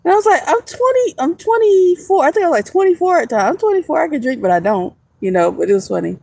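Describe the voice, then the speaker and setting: A woman in her mid-thirties vlogs live from the woods, chatting casually, laughing often, and teasing her viewers. Her voice is high, sing-song, gravelly and darkish in tone, and she talks fast. There's no echo.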